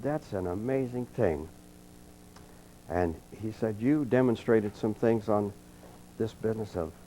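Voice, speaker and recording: An older trumpet teacher with a lowish voice gives a clinic in a college room before an audience, spinning folksy anecdotes and calmly coaching the group through a breathing exercise. The archival recording is dull and lo-fi, with slight background noise.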